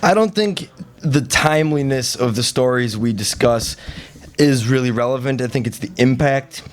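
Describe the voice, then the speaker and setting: A man co-hosting a casual radio talk show, cracking wry, deadpan jokes. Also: medium pitch, normal speed.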